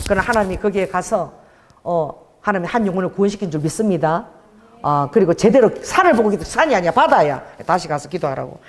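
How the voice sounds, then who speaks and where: A woman pastor preaching a sermon, telling a story with lively quoted voices. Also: medium pitch, long reverb tail.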